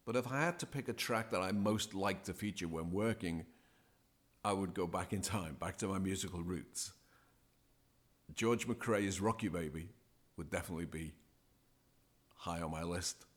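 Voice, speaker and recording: Low-voiced man giving measured advice. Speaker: guest DJ coach. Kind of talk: measured, scripted-sounding advice.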